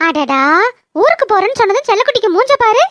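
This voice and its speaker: A woman voicing a gentle, affectionate young village woman, in a cartoon. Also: very high-pitched, sing-song, fast talker, faint music behind.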